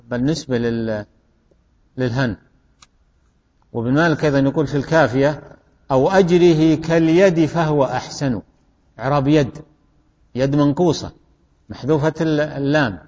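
A man teaching grammar in a classroom lecture, explaining slowly and deliberately and often putting questions to his students. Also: medium pitch. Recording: muffled recording in a reverberant hall.

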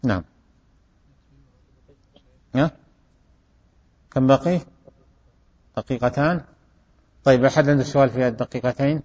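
A man teaching grammar in a classroom lecture, explaining slowly and deliberately and often putting questions to his students. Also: mid-range voice, darkish tone. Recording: muffled recording in a reverberant hall.

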